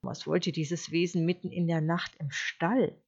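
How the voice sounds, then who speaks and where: Slow, husky woman reading a storybook. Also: lowish voice, fairly even intonation, a little mellow, muffled recording. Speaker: narrator.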